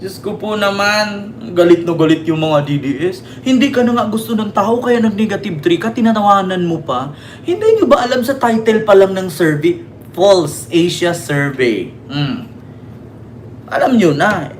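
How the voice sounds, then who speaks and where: A Filipino political vlogger hosts a livestream of mocking commentary, taunting critics, swearing, and repeatedly asking "di ba?" His voice is high-pitched and animated at normal speed, with a little hiss or hum in the audio.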